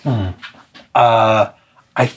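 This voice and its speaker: A man's voice: medium pitch, fairly even intonation, extremely slow. A man from northern Michigan co-hosting a podcast, talking things through in long, thoughtful, hesitant sentences. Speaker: podcast co-host. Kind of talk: casual discussion.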